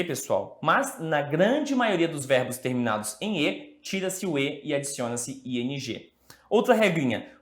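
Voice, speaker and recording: Lively echoey Brazilian man teaching. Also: on the high side. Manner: explains step by step, keeps checking with "ok?". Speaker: English teacher. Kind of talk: classroom lesson. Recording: echoey room.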